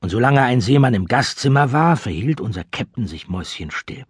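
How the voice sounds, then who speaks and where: Husky man narrating an audiobook. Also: mid-range voice, brisk, no room sound, studio quality. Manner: lively, expressive storytelling. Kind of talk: scripted narration.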